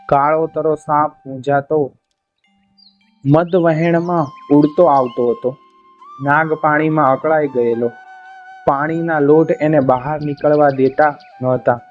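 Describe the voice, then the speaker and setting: Man reading a folk tale aloud. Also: fairly high pitch. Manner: steady dramatic storytelling, voicing cries of the characters. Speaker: storyteller. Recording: dull lo-fi recording with faint music behind.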